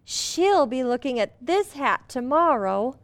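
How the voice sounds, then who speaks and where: An actress playing a sweet, excitable young housewife with a wholesome, earnest manner in a radio comedy. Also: female voice, high-pitched, slow pace, no echo, heavily acted. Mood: admiring. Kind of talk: old-fashioned radio comedy acting.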